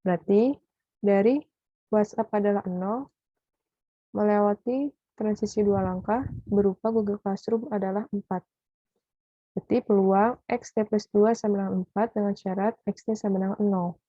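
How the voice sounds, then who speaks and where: A woman's voice: mid-range voice, steady tone, normal speed, long pauses, mellow, no echo. Woman reading math examples, dull recording. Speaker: student presenter. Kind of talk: reading worked probability examples aloud.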